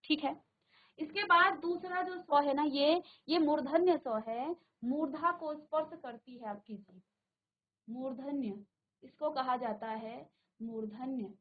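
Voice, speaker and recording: A woman teaching a class, slowly sounding out syllables aloud for her pupils to repeat. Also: high voice, narrow, tinny audio. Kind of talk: classroom lesson. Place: studio virtual classroom.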